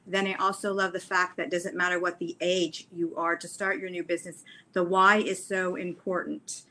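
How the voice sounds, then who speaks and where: Woman moderator, low-ish voice, affirming, sums up guests. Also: little pitch movement, normal speed, sharp tone, low-quality recording. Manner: affirming, sums up others' points. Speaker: panel moderator. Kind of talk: moderating a panel talk.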